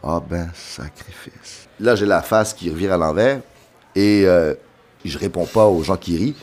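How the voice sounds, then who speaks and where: A middle-aged man with a Quebec French accent, a pianist telling a lively anecdote over a meal and voicing the people in it. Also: sits low, moderate pace. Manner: lively storyteller, voices other people in the story. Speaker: pianist guest.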